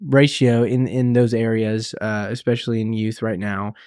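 A man's voice: on the low side, level tone, moderate pace, a little mellow, no echo, clean studio sound. A man co-hosting a church podcast, speaking in casual conversation with many fillers and restarts.

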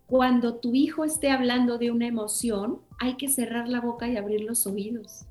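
A woman's voice: a little high, steady tone, moderate pace, a little mellow. A woman speaking as a parenting coach in a casual conversation, earnest and advice-giving, acting out the lines she quotes. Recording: echoey room with faint music.

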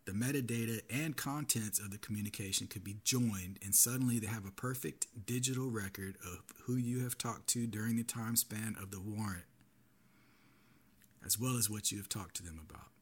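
A man hosts his own podcast alone, talking to listeners in an earnest, cautionary way. His voice sits a bit low and has a husky, slightly breathy grain. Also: moderate pace. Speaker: podcast host. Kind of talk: solo podcast commentary.

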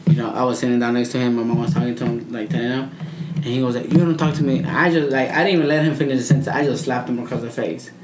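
Fast-talking blunt man in an echoey room. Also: mid-range voice, steady tone. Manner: blunt, profane storytelling. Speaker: podcast participant. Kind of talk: casual chat. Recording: echoey room with faint noise.

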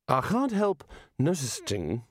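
A man's voice: medium pitch, wildly swooping pitch, slow, slightly rough, no echo, studio quality, full character voice. A man voicing a cowardly, nervous male wizard who speaks hesitantly and stammers.

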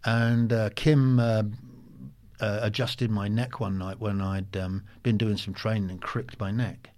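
A man in his sixties telling stories in a casual interview, halting with many ums and restarts. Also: fairly low pitch, level tone, darkish tone. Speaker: guest, former soldier.

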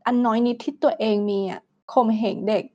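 A woman's voice: a little high, brisk, mellow, lo-fi sound. A young woman from Thailand co-hosting a podcast, outspoken and crude, dropping English words into casual chat. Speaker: podcast co-host.

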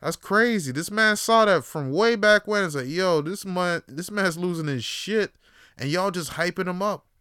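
Guy ranting on his podcast, cussing a lot, smooth voice, dry close sound. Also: normal speed, dry recording. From Toronto, Canada. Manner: profane, rambling, swings between loud outbursts and low musing. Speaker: podcast host. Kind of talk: solo casual rant.

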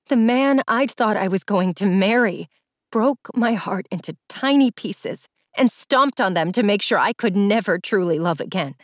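A woman's voice: medium pitch, no echo, studio quality. Woman narrating an emotional romance story. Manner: emotional, dramatic delivery. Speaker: audiobook narrator. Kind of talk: scripted first-person narration.

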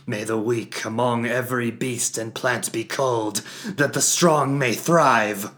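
A man voicing a stern father who loudly declaims the incantations of a dark ritual in a fantasy audiobook. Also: medium pitch, slow pace, voice pushed up. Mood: solemn chanting.

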